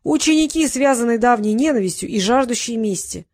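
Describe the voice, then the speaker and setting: A woman reading the lines of an excitable male teacher at an assassin school, gushing and theatrical. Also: fairly high pitch, fairly quick, no room sound. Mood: gleeful.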